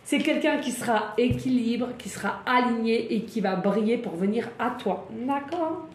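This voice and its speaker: Lady doing a casual card reading, bit high voice, laughs a lot, repeats stuff slowly, echoey room. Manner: chatty, laughing, exclamatory, slows to repeat messages. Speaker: tarot card reader. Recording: echoey room with faint ambient noise.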